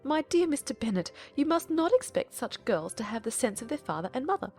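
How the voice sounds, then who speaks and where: An actress playing an excitable, silly middle-aged mother in a dramatized audiobook, fussy and gushing. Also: sits high, brisk, soft background music. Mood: indignant, fond.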